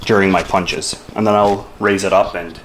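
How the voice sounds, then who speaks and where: A man's voice: sits low, steady tone, normal speed, very noisy. A man casually reviewing a product at home, talking in a blunt, frank and slightly exasperated way. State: out of breath after punching. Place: home room with hardwood floor.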